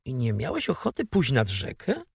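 Storybook figure: a man playing a nosy old aunt, sly and probing, lively husky voice, dry sound. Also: mid-range voice, moderate pace, dry recording, full character voice. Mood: coaxing, sly. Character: fussy, scheming elderly aunt.

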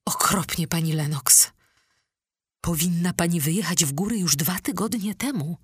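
A woman reader gives voice to a shaken young officer in a storybook, low and hushed, his words grave and trembling. Her husky delivery stays slow and close. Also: no room sound. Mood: grave whisper.

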